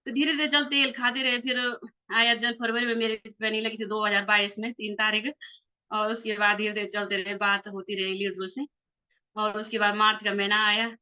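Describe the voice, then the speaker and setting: A woman's voice: mid-range voice, little pitch movement, fairly quick, pushed and bright, clean tone. A woman, a network marketing leader, telling her personal story casually and acting out past conversations with animation. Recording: slightly dull lo-fi recording.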